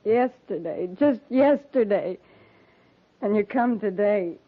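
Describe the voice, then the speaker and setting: Young frontier widow, bitter, bereaved, unyielding. Vintage radio drama, thin phone-like sound. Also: female voice, medium pitch, expressive, slow. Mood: weary grief. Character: bereaved frontier wife in early twenties, worn, stubborn, bitter. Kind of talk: 1950s radio drama acting. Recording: tinny 1950s radio recording.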